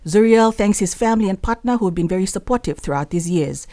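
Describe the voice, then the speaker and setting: Mellow-voiced woman reporting news. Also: mid-range voice, animated, fast. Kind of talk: scripted news voice-over.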